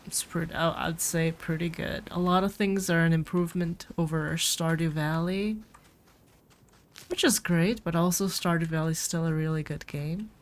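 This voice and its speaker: Her cold is obvious as this streamer plays a farming game and gives casual, rambling commentary to her viewers over faint game music. She has a lowish voice, fairly even intonation and a moderate pace.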